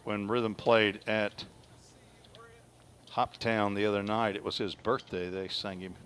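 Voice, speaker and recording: A man's voice: fairly low pitch, fairly even intonation, a little slow, a bit bright, clean tone. A man doing folksy color commentary on a baseball broadcast from a stadium press box, chatting and reading out player stats.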